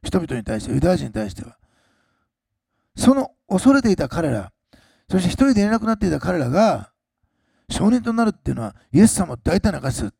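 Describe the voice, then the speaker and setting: A pastor preaching a sermon, swinging between loud, slowed emphasis and quiet, low asides to the congregation. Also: male voice, sing-song, creaky, husky, no room sound, clean studio sound.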